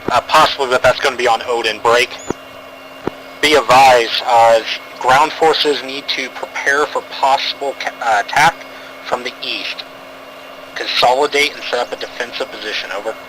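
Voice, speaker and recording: A man's voice comes over a game radio channel, giving clipped military radio calls in a halting way, with plenty of "uh" between phrases. His pitch sits in the middle of the male range. The transmission carries clear background noise. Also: fairly even intonation. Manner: halting, with frequent "uh" fillers. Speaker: command radio operator in a military sim game.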